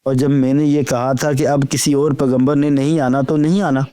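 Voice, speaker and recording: Man, Sufi lecture reading, measured and deliberate, mid-pitched, dry close sound. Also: level tone, dark tone, clean tone, dry recording. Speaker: reader of spiritual talks.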